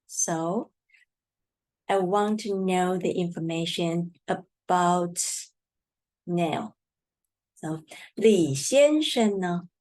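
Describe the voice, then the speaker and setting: A woman teaching a Chinese lesson in English, patiently repeating words slowly for learners, with Mandarin as her first language. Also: on the low side, animated, darkish tone. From Taiwan. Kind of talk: slow language lesson explanation.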